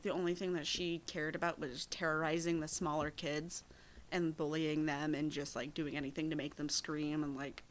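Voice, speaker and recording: A young woman co-hosting a true-crime podcast in loose, casual chat. She giggles often and keeps restarting sentences with ums and likes. Her voice sits slightly low for a woman. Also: a bit bright. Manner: chatty, giggly, frequent fillers and restarts. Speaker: podcast co-host.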